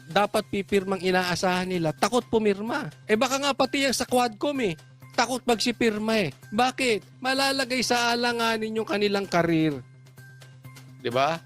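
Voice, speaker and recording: A man's voice: high-pitched, a bit bright. A man giving political reaction commentary, mocking and sarcastic, firing off rhetorical questions.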